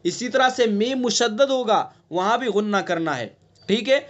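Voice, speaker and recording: A male recitation teacher giving an online lesson, explaining patiently and breaking into long drawn-out chanted recitation. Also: high-pitched, a bit bright, dull audio. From India.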